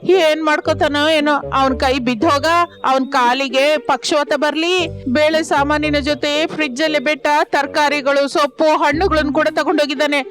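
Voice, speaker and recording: A woman voicing a sly, sharp-tongued young wife in an animated village story. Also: sits high, normal speed, soft background music. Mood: scheming. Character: sly scheming young wife who steals.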